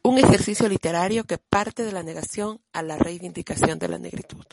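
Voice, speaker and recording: A woman host reads a scripted radio segment steadily and formally. Her voice sits low with a gravelly edge. The close studio mic keeps the sound dry. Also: fairly quick, darkish tone, no room sound.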